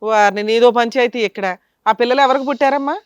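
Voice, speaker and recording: Brief: woman host, high-pitched and fast, blunt and sarcastic, scolding the couple, dry close sound. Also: clean tone, no echo, dull audio. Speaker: host of family dispute show. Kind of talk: probing, scolding questions.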